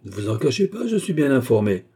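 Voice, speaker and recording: A man voicing a calm, sharp-tongued male servant who speaks with quiet irony. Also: mid-range voice, brisk, gravelly, breathy edge, pitched above the performer's own voice, heavily acted. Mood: calm, needling.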